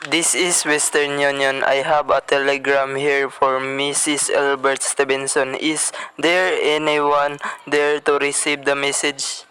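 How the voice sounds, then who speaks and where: A girl playing a businesslike telegraph clerk in a low, flat voice. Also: unhurried, hardly any pauses, clean tone, low-quality recording.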